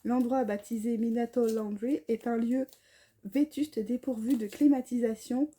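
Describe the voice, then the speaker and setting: A woman with a fairly high but dark, husky voice chats casually about her books. She reads blurbs aloud, trips over names and sounds a little tired. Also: fairly even intonation, a little slow. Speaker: book vlogger. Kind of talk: casual chat.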